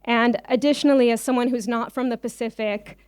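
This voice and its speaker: An invited conference speaker from Israel, a farmer cooperative leader who spent her early years on a kibbutz, talks conversationally with frequent ums and personal asides. Her voice is a little high, brisk and fairly even, with a smooth, darkish tone. The studio-quality audio has no echo.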